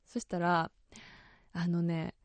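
A young woman with a Kansai accent hosts a radio show in a lively, chatty way and laughs often. Her voice sits at a middle pitch. It is recorded dry and close on a studio microphone. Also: takes it slowly, no room sound. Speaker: radio host.

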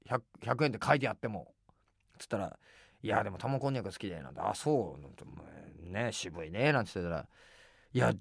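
A middle-aged man hosting a radio show, telling rambling casual anecdotes in rough, filler-heavy speech and acting out quoted dialogue. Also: fast, no room sound, studio quality. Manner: animated, acts out quoted dialogue with big pitch jumps. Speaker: radio host.

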